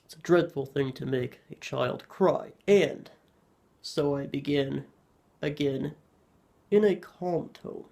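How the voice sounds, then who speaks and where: A man narrating a horror story in a measured storytelling manner. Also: a little high, creaky, a little mellow.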